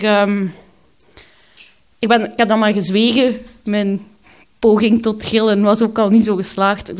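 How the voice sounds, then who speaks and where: A woman with a Flemish accent telling a personal story, candid and halting, with many pauses and hesitations. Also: mid-range voice.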